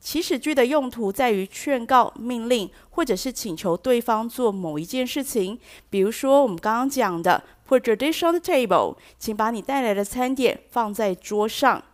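Higher-voiced woman teaching English. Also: lively intonation, normal speed, few pauses. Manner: explains patiently, mixes English phrases into Mandarin; acts out example sentences with shifting stress. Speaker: language teacher host. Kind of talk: bilingual radio English lesson.

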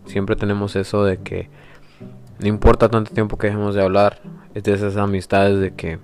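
Faint guitar plays behind a man from El Salvador, in his twenties, as he presents himself as a podcast host. He sounds thoughtful and unsure, pausing and restarting, in a lowish, level, somewhat dark voice.

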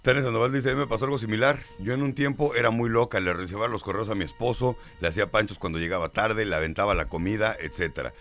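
A man's voice: lowish voice, fast, few pauses, a bit bright, faint music behind. Middle-aged Mexican man talk host. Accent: Mexican Spanish. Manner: emphatic, reads listener messages aloud. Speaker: radio show host. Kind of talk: casual talk show chat, reading listener comments.

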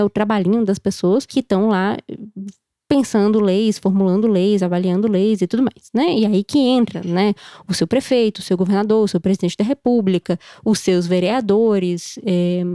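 A Brazilian woman explains things casually on a podcast in a dark, mellow voice with a choked, duck-like sound. She is chatty and playful, often posing questions and answering them herself. The recording is very dry and close. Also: medium pitch, dry recording. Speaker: podcast host.

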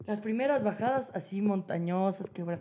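A woman with an Ecuadorian accent, telling a story on a casual podcast, animated, laughing and swearing often. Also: mid-range voice, a little fast, slight background noise. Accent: Ecuadorian Spanish. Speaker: podcast co-host.

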